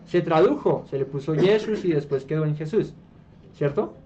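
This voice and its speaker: His voice is expressive and warm at a moderate pace, carrying a Colombian Spanish accent. This man from Colombia teaches a small Bible study group in a conversational way, frequently checking on his listeners, with hesitant restarts mid-explanation. It's a dull, low-fi room recording with a faint hiss.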